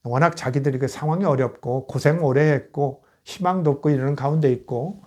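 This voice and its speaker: A man's voice: medium pitch, fairly quick, a little mellow. A man giving a conversational history lecture who keeps asking the listener rhetorical questions and retells scripture in plain everyday speech.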